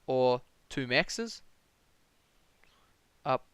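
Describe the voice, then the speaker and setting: A man's voice: medium pitch, lively intonation, very slow, a bit bright, clear, resonant tone, no echo. A young man with a New Zealand accent tutoring maths on a live stream, thinking aloud and answering chat questions in a casual way.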